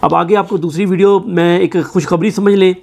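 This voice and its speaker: A man with a Pakistani Urdu accent runs his own political news commentary. His voice sits fairly high. He talks with a sarcastic, mocking edge. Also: steady tone, normal speed, vocal fry, a little mellow.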